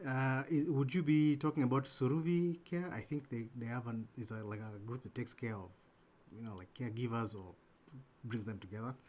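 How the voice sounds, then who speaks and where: A man's voice: medium pitch, a little fast, darkish tone, a little hiss or hum. A man hosting a webinar Q&A over a video call, friendly and grateful, stumbling over restarts as he reads out questions. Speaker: host and moderator. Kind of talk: moderating a webinar Q&A.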